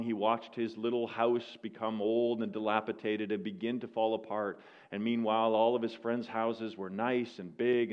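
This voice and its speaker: A man preaching a sermon, telling a story that swells loud and then drops to slow, hushed lines. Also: mid-range voice, muffled recording.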